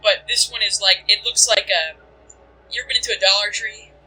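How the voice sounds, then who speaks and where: Bright-voiced, rambling game master. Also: mid-range voice, steady tone, brisk, slightly rough, poor audio. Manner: rambling, chatty narration with many fillers. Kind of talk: narrating a tabletop game.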